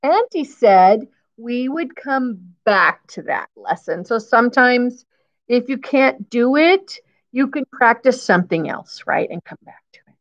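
A woman in her fifties reads a picture book aloud to young kids in a classroom, explaining simply and repeating key phrases the way a teacher would. Her voice is fairly high, expressive, and unhurried, and the recording has its highs cut off.

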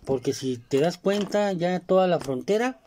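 A man's voice: high-pitched, animated, normal speed, mellow, slight background noise. Rambling Mexican man, casual monologue. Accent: Mexican Spanish. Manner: rambling, filler-heavy, keeps asking "you know?". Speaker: commentator.

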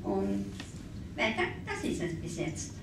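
Older woman, plain telling, handheld mic; far-off camera, boomy room, steady hiss. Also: takes it slowly, heavy reverb. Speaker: participant telling her emigration story. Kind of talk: round-table self-introduction. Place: large wood-panelled hall indoors.

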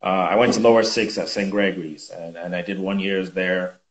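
A man in his fifties from Nigeria talks in a low voice, measured and reflective, pausing on fillers. He is on a video call from a room at home, and the sound rings in an echoey space. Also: steady tone. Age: 50s. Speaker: guest. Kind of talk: conversational interview.

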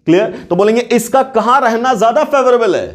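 A man with a high-pitched voice teaches chemistry to a class. He repeats his questions and keeps asking whether the students are clear. He talks in a casual, familiar way, calling them "beta". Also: fairly quick. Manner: repeats questions, checks understanding often. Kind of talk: classroom lecture.

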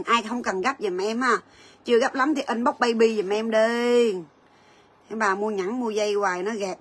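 Woman, chatty livestream seller, bright voice, fairly high pitch. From Vietnam. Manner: chatty, rapid price calls, storytelling asides. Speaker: gold shop livestream seller. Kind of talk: livestream sales chat.

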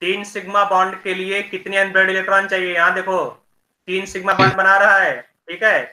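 A man teaching chemistry in an online class, explaining slowly and checking in with his students often. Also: high-pitched, little pitch movement, pushed and bright, roomy sound, rough recording.

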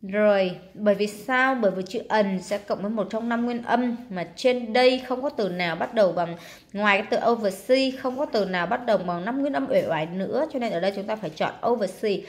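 A woman teaching, walking through workbook exercises step by step, drawing out words and stressing syllables, with many fillers. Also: medium pitch. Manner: explains step by step with frequent fillers. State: tired. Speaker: English teacher. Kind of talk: workbook lesson walkthrough.

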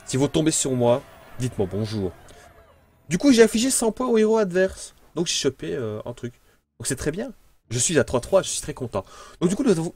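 A man's voice: medium pitch, darkish tone, no room sound. A man with a French accent giving casual, playful commentary on his own card game as he plays, thinking aloud. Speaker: gameplay commentator.

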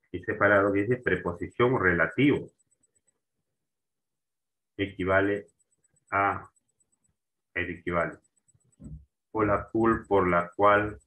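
A man's voice: fairly low pitch, fairly bright tone, poor audio. A man teaching a grammar lesson, repeating terms and checking in with his students as he goes. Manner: slow and repetitive, restarting words and asking for agreement.

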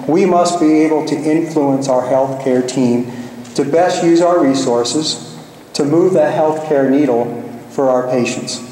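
A male physician giving a formal memorial lecture, telling stories in a measured, deliberate way. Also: fairly high pitch, warm tone, a little hiss or hum. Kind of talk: formal ceremonial speech with anecdotes. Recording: echoey hall, far from mic.

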